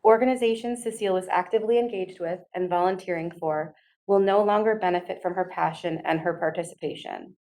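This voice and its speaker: A middle-aged woman reading a prepared victim's family statement to a court, in a solemn, formal and deliberate manner. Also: fairly low pitch, a little mellow. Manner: solemn, deliberate, measured wording.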